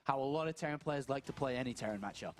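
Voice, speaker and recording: A man casting a live strategy game match, thinking aloud in quick questions and answers. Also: medium pitch. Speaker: esports caster.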